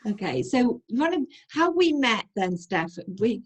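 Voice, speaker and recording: A middle-aged woman hosting an interview, upbeat and encouraging, often going softer at the ends of phrases. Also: on the high side, sing-song, unhurried. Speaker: host, wellbeing coach. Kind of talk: hosted interview chat.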